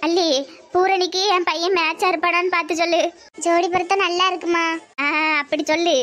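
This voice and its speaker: A woman voicing an elderly grandmother in an animated family drama, chatty and bossy as she arranges a match. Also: extremely high pitch, a little fast.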